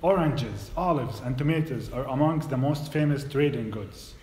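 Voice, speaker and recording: A man in his thirties from Palestine, a native Arabic speaker, giving a measured personal talk as a guest speaker in a church hall. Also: medium pitch. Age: 30s. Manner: measured, hesitant at first then steady storytelling. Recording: roomy hall echo.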